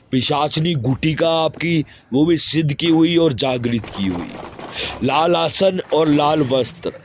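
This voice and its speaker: A man explaining a ritual step by step, directive, and constantly filling pauses with a repeated "okay". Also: on the high side, a little hiss or hum. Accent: Hindi. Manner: fills pauses with repeated "theek hai". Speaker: occult ritual instructor. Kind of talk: spoken ritual instructions.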